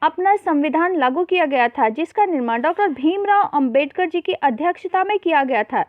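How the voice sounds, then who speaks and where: Here a female teacher with a high, animated voice talks at normal speed with no room sound. She patiently explains a worksheet to young children, repeatedly addressing them as beta, her Hindi sprinkled with English words, all through a tinny, phone-like voice-over.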